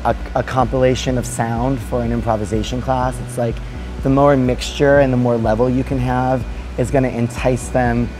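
A man's voice: medium pitch, poor audio. A man in his thirties, a dance teacher, giving reflective interview answers with many fillers and restarts, recorded on a lapel mic in a large hotel lounge.

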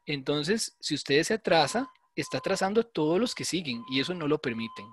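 A man's voice: fairly high pitch, lively intonation, brisk, slight background noise. A man giving a university lecture, explaining in a conversational way and checking often with "¿verdad?". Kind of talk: online class lecture.

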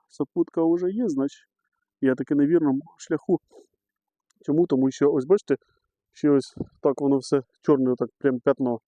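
A man's voice: mid-range voice, dark tone, dry recording. A middle-aged man filming himself metal detecting outdoors on a meadow, chatting casually to his viewers and calling them friends as he digs. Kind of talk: casual commentary to camera while digging. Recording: slightly dull lo-fi recording.

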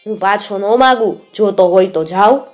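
Woman narrator voicing a kindly elderly village mother, soft and homely. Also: mid-range voice, normal speed, faint music behind, close to an everyday voice. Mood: sorrowful.

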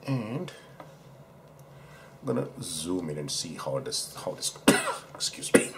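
The doctor from Pakistan talks slowly here in a low, gravelly voice with huge pitch swings, over heavy background noise. He's casually unboxing a razor at a desk indoors, filmed from above, and he rambles and corrects himself while admiring the parts.

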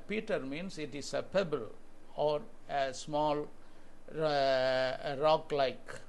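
A man's voice: on the high side, slight background noise. A man in his sixties with an Indian English accent preaching earnestly to camera in a small room, quoting scripture. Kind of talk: home video sermon.

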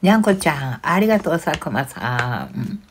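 Low gravelly-voiced older woman streamer. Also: big pitch swings, normal speed, slight background noise. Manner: chatty, reads comments aloud, frequent soft "un" fillers. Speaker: livestreamer reading viewer comments. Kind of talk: casual live-stream chat.

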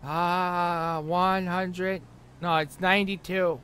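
A man's voice: high-pitched, little pitch movement, slow pace, fairly bright tone, a little hiss or hum. A man in a game role-play, giving directions hesitantly and hedging with "uh". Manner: hesitant, hedges with 'uh'.

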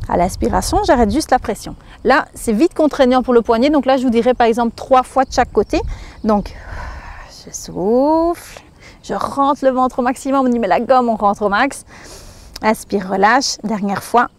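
A woman's voice: fairly high pitch, fairly quick. A woman in her thirties with a Belgian French accent, leading a fitness lesson and counting through each move as she demonstrates. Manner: counts and breathes through moves while explaining. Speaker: fitness instructor. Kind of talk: exercise demonstration.

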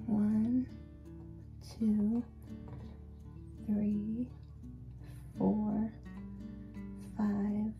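A woman filming a casual vlog, talking excitedly to her viewers and often saying "you guys.". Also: medium pitch, drawn-out words, long pauses, echoey room, narrow, tinny audio, soft background music. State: out of breath. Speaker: vlogger. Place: home bathroom.

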